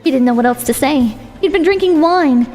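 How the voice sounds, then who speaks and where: A woman's voice: high-pitched, lively intonation, brisk, warm tone. A woman reading a short story aloud as its narrator. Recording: long hall reverb with music.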